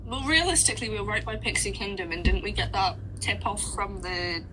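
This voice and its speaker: A woman's voice: mid-range voice, fairly quick, fairly bright tone, slight background noise, rough recording. A woman playing a tabletop game, chatting casually as a player. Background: music.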